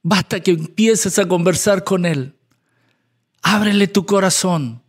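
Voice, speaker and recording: A man preaching a storytelling sermon, emphatic, swinging between loud exclamations and soft asides. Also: sits high, measured pace.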